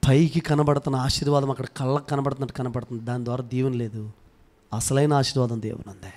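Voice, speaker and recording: A male pastor preaching a sermon, building up to loud repeated cries and then dropping back to a low, quiet voice.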